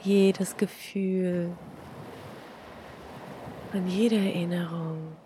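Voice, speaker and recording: A woman leading a guided meditation like a sleep story narrator, hushed and soothing in a near-whisper with long pauses. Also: lowish voice, fairly even intonation, slight background noise.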